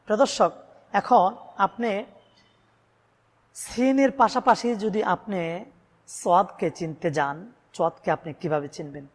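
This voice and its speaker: Speaking a little slowly and pausing often, a man from Bangladesh with a high, animated voice teaches viewers Quran reading. Each Arabic letter sound gets stretched out and emphatically repeated. The setting is a room with a blackboard, heard through long hall reverb.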